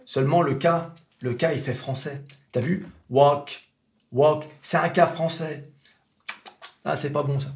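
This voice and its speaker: A man speaking French, teaching English pronunciation in a casual video lesson, chatty and self-mocking, stretching out example words slowly. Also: on the high side, vocal fry.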